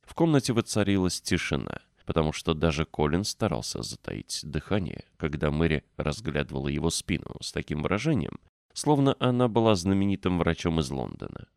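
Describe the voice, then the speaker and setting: A man narrating an audiobook in an expressive storytelling manner. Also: a bass voice, brisk, gravelly, no room sound, studio quality. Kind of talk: scripted narration.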